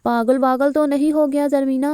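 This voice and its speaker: A woman voicing a blunt, quick-tempered old grandmother who scolds her family. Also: high-pitched, steady tone, dark tone, no room sound, studio quality, pitched above the performer's own voice, close to an everyday voice. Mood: scolding. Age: older.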